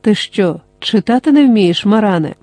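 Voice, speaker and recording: An audiobook reader voicing a patient male mentor who questions a boy gently, in a dry recording. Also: high voice, expressive, normal speed, dry recording. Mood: chiding.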